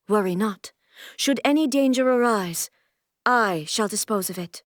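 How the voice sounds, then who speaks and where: An actress playing a regal, aloof immortal shogun in a video game, speaking in a formal, stately, measured way. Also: female voice, fairly high pitch, dry recording, studio quality, natural voice. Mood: solemn, aloof. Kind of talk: scripted video game character voice lines.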